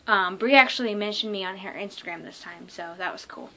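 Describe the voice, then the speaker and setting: A young woman telling a casual vlog story, excited and rambling, with lots of ums and likes. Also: mid-range voice, a little fast. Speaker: vlogger.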